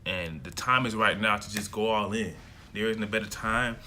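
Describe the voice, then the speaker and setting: With a lowish, pushed and bright voice at normal speed, a young American self-development vlogger in his early twenties rambles casually to the camera. His monologue is loose and full of fillers and false starts, and there's slight background noise.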